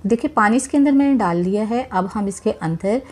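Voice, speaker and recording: A cooking host with a lively, medium-pitched voice talks a little fast while walking viewers through a recipe, never appearing on screen. Her warm, chatty narration addresses the audience directly with encouragement and returns again and again to religious blessings.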